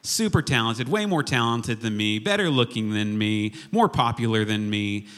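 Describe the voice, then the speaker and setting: Laid-back pastor guy preaching to his church, lowish voice, chatty and jokey, pokes fun at himself. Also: normal speed, a bit bright. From Oklahoma, United States. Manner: self-deprecating, chatty and informal. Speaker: worship and media arts pastor, guest preacher. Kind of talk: casual, humorous sermon to a congregation.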